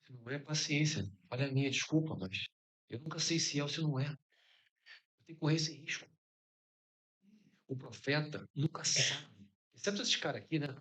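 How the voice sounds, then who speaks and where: Brazilian man, middle-aged, conversational sermon style, quips and rhetorical asides, voice sits a touch high. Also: expressive, moderate pace, pauses often, a bit bright. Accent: Brazilian Portuguese. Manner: chatty, joking, peppered with rhetorical questions. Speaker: conference speaker. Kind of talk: informal conference sermon.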